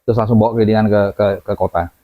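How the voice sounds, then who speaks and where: A man telling a story as a guest in a lively way, acting out the voices of the people in it. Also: fairly low pitch, very fast. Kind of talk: animated storytelling. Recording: dull lo-fi audio.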